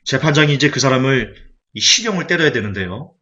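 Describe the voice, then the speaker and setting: A male evangelist preaching a sermon, animated and full of rhetorical questions to the congregation. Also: mid-range voice, fast. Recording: dull lo-fi recording.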